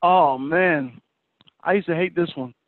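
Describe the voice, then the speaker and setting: A man who is a parent, co-hosting a podcast in casual chat, playful and animated when telling stories. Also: fairly high pitch, measured pace. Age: adult parent. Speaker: podcast co-host. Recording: tinny phone-like dry sound.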